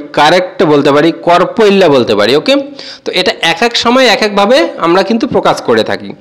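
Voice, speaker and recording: A man giving a casual spoken language lesson, repeating each word slowly and addressing viewers as friends. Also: high-pitched. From Bengal. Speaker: language teacher.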